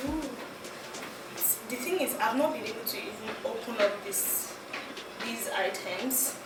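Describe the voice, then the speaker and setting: Her fairly high, lively voice carries a Nigerian accent as this young fashion vlogger unhurriedly chats and giggles through a clothing try-on haul, often restarting mid-thought. Heavy background noise, room echo, a faraway mic and music behind her fill the recording.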